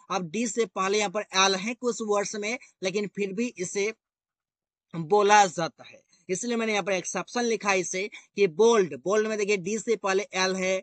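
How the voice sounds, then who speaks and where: A man's voice: high-pitched, sharp tone, no echo. A man teaching English grammar rules in a repetitive, explanatory way, often calling his viewers guys.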